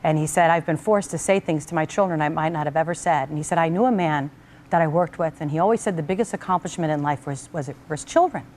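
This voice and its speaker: A woman talk show host telling a personal story to her guest, animated and acting out the voices of the people in it. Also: sits low, quick pace, slight background noise.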